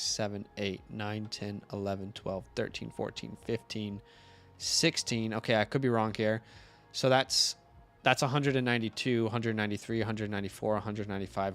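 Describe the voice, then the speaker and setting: Rambling young man on a live draft stream. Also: lowish voice. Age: 20s. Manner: rambling, thinks aloud, counts out loud. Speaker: co-host. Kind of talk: casual livestream chat.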